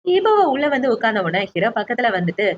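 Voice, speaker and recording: A woman narrating a drama recap as a story, briskly retelling each scene and speaking the characters' lines herself. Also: fairly high pitch, sing-song, muffled recording.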